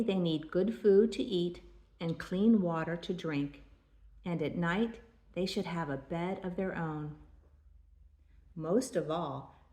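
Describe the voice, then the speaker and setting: An older woman with a grandma voice, reading a children's storybook aloud in a measured storytelling way. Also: lowish voice, darkish tone, roomy sound.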